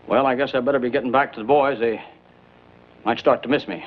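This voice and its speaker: An American actor playing a sly, folksy outlaw who claims to be going straight, in an old western film. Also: male voice, medium pitch, steady tone, fast talker, lightly acted. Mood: wheedling, sly. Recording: dull lo-fi old film soundtrack.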